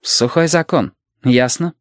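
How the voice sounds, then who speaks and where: A man reading an audiobook and voicing a young police inspector who speaks calmly, with a measured, dryly ironic edge. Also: medium pitch, no echo, clean studio sound, voice pushed up, natural voice. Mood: stern. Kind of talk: audiobook character voice.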